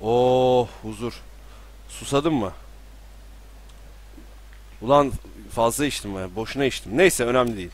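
A young man giving casual live commentary while playing a game at home, talking to himself and sometimes bursting into panicked yelling. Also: mid-range voice, a little slow, long pauses. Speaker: streamer. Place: room at home with balcony door open.

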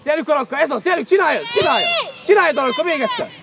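A coach's voice rings out from the sideline of an open-air pitch, rising high and swinging widely as he barks urgent orders. The sound is buried in loud crowd noise from the match around him. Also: expressive, creaky. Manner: urgent, barking short commands. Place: outdoor football pitch sideline.

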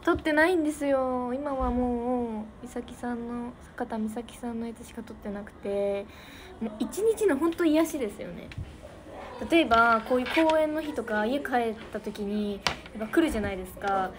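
Teenage girl, from Niigata, casual livestream chat, thanks viewers, slightly high voice, noisy audio. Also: normal speed. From Niigata, Japan. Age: teens. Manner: chatty, reads out viewer comments and thanks them. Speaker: idol livestream host.

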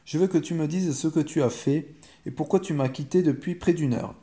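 A man's voice: on the high side, fairly quick, lightly acted. A man doing a stern scolding mother. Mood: angry. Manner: sharp, scolding and impatient. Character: stern, quick-tempered mother. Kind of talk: bedtime story reading.

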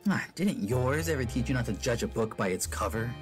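A man voicing a steady, protective grown male critter who talks in an easygoing drawl. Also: mid-range voice, fairly quick, soft background music, natural voice. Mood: firm.

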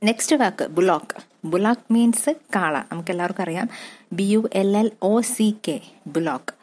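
Female exam-prep tutor, Malayali accent, patient letter-by-letter spelling, mid pitch. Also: darkish tone. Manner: slow, spelling words out letter by letter and repeating them. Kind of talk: classroom-style lesson.

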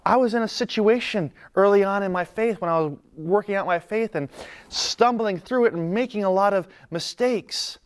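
A man preaching a sermon in an earnest, conversational way, dropping to soft, calm lines. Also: high voice, moderate pace, smooth. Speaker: pastor.

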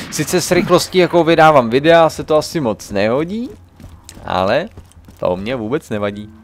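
A man's voice: fairly high pitch, lively intonation, a little hiss or hum. Chatty young man narrating his gameplay. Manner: chatty, muttering to himself while playing. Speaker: let's play gamer. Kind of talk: casual gameplay commentary.

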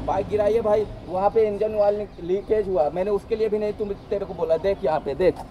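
A man's voice: high voice, steady tone, brisk, lo-fi sound. Irritated man arguing by a busy road. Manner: irritated, dismissive. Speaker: motorcycle vlogger. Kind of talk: heated roadside argument. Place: roadside outdoors. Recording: loud street traffic noise.

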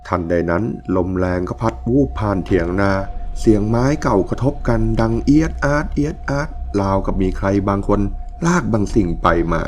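A man calmly narrating a ghost story in a measured storytelling manner. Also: on the low side, slight background noise. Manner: calm, measured storytelling with quoted dialogue.

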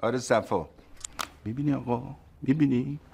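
An actor playing a sly scheming husband. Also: male voice, mid-range voice, gravelly, darkish tone, a little hiss or hum, close to an everyday voice. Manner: wheedling on the phone, sly and scheming. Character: scheming husband waiting on a rich uncle's death. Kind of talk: TV comedy acting.

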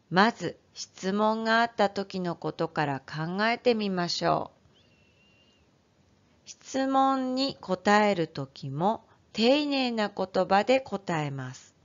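Slow, gentle woman teaching young children. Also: mid-range voice, muffled recording. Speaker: elementary school teacher. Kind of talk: online lesson for first graders.

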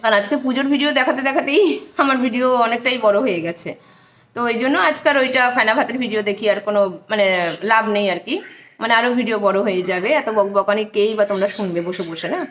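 A woman's voice: on the high side, quick pace, fairly bright tone. A middle-aged woman vlogging from her home, talking in a homely, chatty way to her viewers while holding her phone in one hand. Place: home, indoors. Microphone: phone held in one hand.

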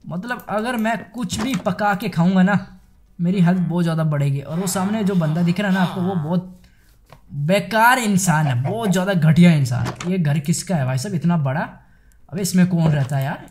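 Excitable young man narrating his gameplay. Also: high-pitched, brisk. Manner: chatty, excitable, addresses viewers as guys and bhai sahab. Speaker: gaming YouTuber. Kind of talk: casual Minecraft let's play commentary.

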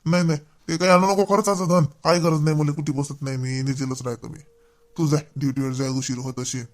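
A man playing a frail, bedridden old grandfather in a rural comedy sketch, speaking in a weak, halting, plaintive way. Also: on the high side, level tone, close to an everyday voice.

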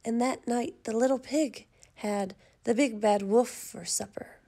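A woman reading a children's storybook aloud with gentle, steady pacing. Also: fairly high pitch, measured pace.

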